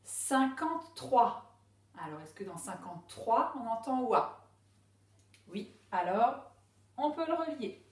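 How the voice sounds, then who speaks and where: A woman teaching a reading lesson to young pupils, speaking slowly and sounding out each syllable clearly. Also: fairly high pitch, very animated. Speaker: primary school teacher. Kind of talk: slow classroom reading lesson. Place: classroom with a board. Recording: echoey room, voice a bit far from the mic.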